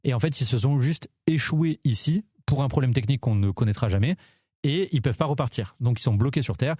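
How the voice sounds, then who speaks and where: A man chatting casually on a film podcast with a mellow, warm tone. He talks eagerly, piling up fillers and restarts as he goes. The sound is dry and close. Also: mid-range voice, brisk, husky, no room sound. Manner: enthusiastic, many fillers and restarts. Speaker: podcast co-host.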